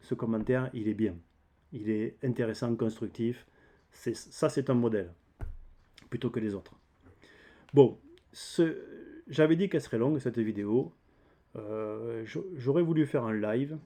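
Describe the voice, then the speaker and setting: A man from the south of France, with a southern French accent and a warm, mid-range voice, hosts a DIY channel in casual, unscripted vlog talk. He explains things in a hesitant, rambling way, speaking a little slowly with long pauses.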